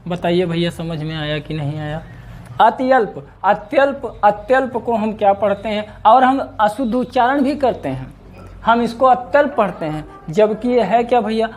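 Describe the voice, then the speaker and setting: A man teaching an exam-prep grammar lesson, lively and repeating questions to his students. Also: high-pitched, normal speed, a little hiss or hum. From India.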